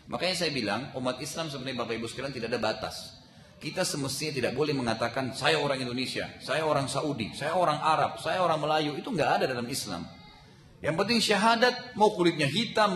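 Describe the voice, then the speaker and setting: A man's voice: a little high, fairly bright tone. A man giving a sermon to a congregation, asking them rhetorical questions. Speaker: preacher. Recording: echoey hall with long reverb.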